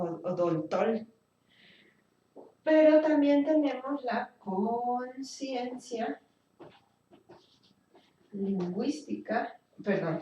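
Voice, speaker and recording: A woman teaching a speech therapy class, explaining slowly and thinking aloud with fillers and restarts. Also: fairly high pitch, darkish tone, a little hiss or hum. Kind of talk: recorded class lecture. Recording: echoey room, voice from a distance.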